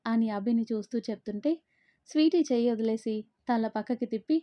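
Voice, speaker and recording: A woman narrating a romance story, voicing the lovers' banter herself in a lively way. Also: on the high side, brisk, dry recording. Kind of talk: dramatic story reading. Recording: dull, muffled dry recording.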